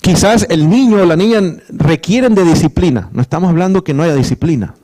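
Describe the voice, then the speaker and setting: A man's voice: on the high side, expressive, fairly quick, warm tone. A middle-aged man preaching a sermon as pastor, earnest, often repeating and restarting words.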